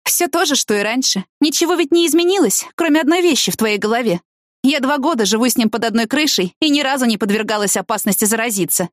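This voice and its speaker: A woman voicing a calm, firm adult woman who speaks slowly and clearly on the phone. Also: fairly high pitch, dry recording, clean studio sound, pitched above the performer's own voice, lightly acted. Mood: reassuring. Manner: slow, clear, coolly insistent.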